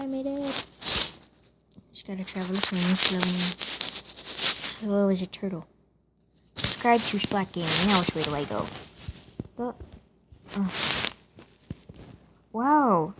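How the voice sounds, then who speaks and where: A woman hosting a gaming channel, giving casual commentary on her play, excitable and prone to exclaiming and repeating phrases. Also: on the high side, very noisy.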